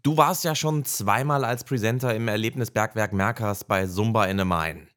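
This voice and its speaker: A man hosting a podcast who translates his guest's answers line by line in a steady, plain way. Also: fairly low pitch, moderate pace. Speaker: podcast host and interpreter. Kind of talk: podcast interview with German interpretation.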